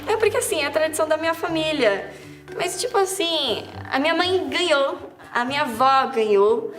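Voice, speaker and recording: A woman playing an excitable, anxious young girl in a church kids' skit, swinging between glee and worry. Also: high-pitched, faint music behind. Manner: bubbly, quick mood swings, worried.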